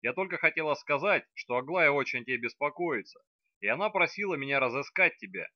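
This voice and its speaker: A man reading aloud voicing an imperious, sharp-tongued sorceress woman who scolds and looks down on the young man. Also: fairly high pitch, animated, fast, no room sound, lo-fi sound, lightly acted. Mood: placating. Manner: scolding, haughty.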